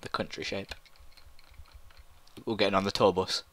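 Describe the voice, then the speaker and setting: A man's voice: low-pitched, level tone, moderate pace, a bit bright. A man casually chatting and joking while playing a video game, laughing often. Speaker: podcast co-host. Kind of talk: casual chat over gameplay.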